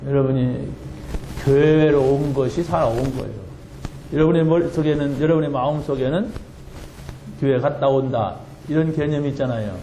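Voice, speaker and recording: A man preaching a sermon as pastor, telling a story with animated, laughing delivery. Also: medium pitch, moderate pace, roomy sound, a little hiss or hum, low-quality recording. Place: church sanctuary.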